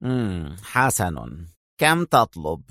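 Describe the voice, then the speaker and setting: A cold crime boss, as a storyteller puts him on, low, slow and unhurried. He talks with quiet contempt in a dry, close recording. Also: sing-song, dry recording, heavily acted.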